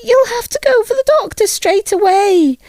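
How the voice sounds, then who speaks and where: A frantic, shrill, tearful mother. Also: expressive, moderate pace, a little mellow, no room sound. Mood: panicked, tearful. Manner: shrill, panicked crying out. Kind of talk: storybook read-aloud.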